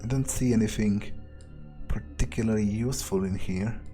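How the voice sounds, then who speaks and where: Over game music, a gameplay streamer roleplays in character, muttering his thoughts sardonically and swearing heavily. His male voice is lowish and mellow, moving at normal speed.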